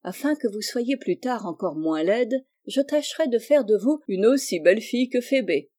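Firm kind doctor uncle, middle-aged guy, mellow voice, storybook reader doing him. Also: mid-range voice, expressive, normal speed, lightly acted. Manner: firm, instructive reading.

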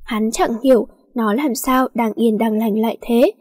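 A woman narrating a romance story in a steady, flowing read. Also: fairly high pitch, unhurried, breathy edge, dry recording. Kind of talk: storybook reading.

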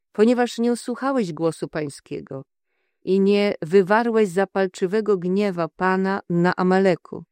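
A speaker voicing the stern old prophet Samuel, read slowly and gravely in a dry, measured Bible-reading voice. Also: medium pitch, darkish tone, no echo, natural voice. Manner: slow, measured scripture reading. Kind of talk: Bible reading within a teaching.

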